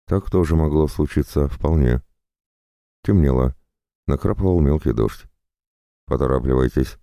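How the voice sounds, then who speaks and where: A man's voice: a bass voice, normal speed, creaky, dark tone, dry recording, clean studio sound. A man narrating an audiobook with wry, conversational asides.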